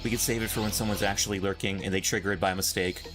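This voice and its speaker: A young man streaming a game, chatting casually with his chat, excitable and quick to laugh, often restarting his sentences. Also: low-pitched. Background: faint game music.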